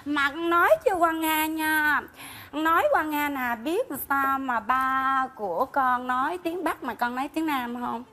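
A woman's voice: high-pitched, sharp tone. A woman with a Southern Vietnamese accent playing a sassy young village girl in a stage comedy sketch, firing back cheeky retorts. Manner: cheeky, quick comebacks.

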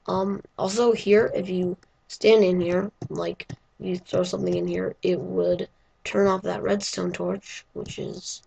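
A woman with a hoarse voice, giving a casual, rambling walkthrough of her game build with lots of hesitant fillers. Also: lowish voice, level tone, a little slow, mellow, low-quality recording. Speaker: gaming video creator.

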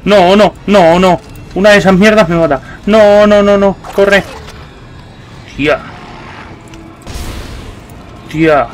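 A young man with a Spain Spanish accent commentating a horror game, swearing often and shouting at the enemies. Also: sits high, unhurried, a little hiss or hum. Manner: swears a lot, yells at enemies. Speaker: gameplay commentator. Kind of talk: let's play commentary.

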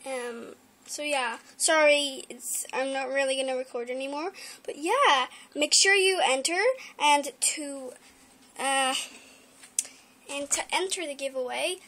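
A high-voiced woman talks casually into her phone. She rambles, apologizes often and keeps circling back to her point. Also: fairly bright tone. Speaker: channel host running a giveaway. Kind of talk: casual vlog chat.

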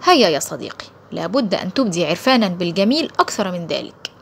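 A woman's voice: lowish voice, very animated, quick pace, creaky, a little hiss or hum. Blunt pushy gunman henchman, woman reading, audiobook. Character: armed male henchman. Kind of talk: audiobook character voice.

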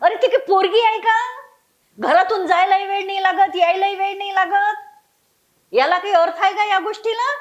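An actress playing a sharp-tongued middle-aged mother who scolds in a shrill voice. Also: fairly even intonation, normal speed, highs cut off. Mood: indignant. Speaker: mother of the groom. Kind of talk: web series acting.

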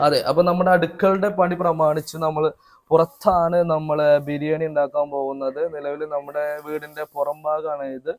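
A man's voice: on the high side, level tone, moderate pace, no echo. A man doing casual vlog narration outdoors behind a house, chatty and talking straight to viewers with teasing asides. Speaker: family vlogger cooking.

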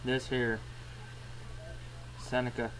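A man's voice: mid-range voice, little pitch movement, takes it slowly, a bit bright, a little hiss or hum, rough recording. A man reviewing a can of dip in a blunt, crude, rambling way, talking with a toothpick in his mouth. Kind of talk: casual product review.

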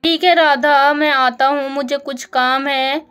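A woman's voice: steady tone, measured pace, fairly bright tone, soft background music. A woman voicing a young village husband in a doll story, fussy at first and then eager to help. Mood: helpful. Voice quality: same high voice as narrator, barely lowered.

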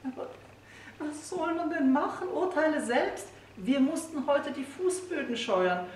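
A woman's voice: sits high, expressive, measured pace, pitched above the performer's own voice. A woman voicing a mischievous wife who teases her husband in a lilting, playful way. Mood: teasing. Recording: roomy distant reading with faint hiss.

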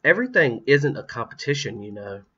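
A man voicing an impatient mother who scolds her twins in an audiobook reading, sharp and loud. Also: mid-range voice, very animated, brisk, breathy edge, muffled recording. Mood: scolding.

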